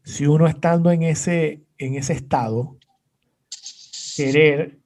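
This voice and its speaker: A man's voice: a little high, fairly even intonation, slow, darkish tone. A man co-hosting a casual podcast, listening closely, chiming in with short replies and asking follow-up questions. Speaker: podcast co-host. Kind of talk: casual chat.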